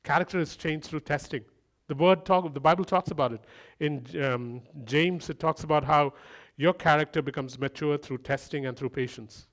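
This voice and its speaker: A man's voice: on the high side, moderate pace, a bit bright. A man preaching a sermon in a conversational way, with humorous asides and repeated phrases that build up.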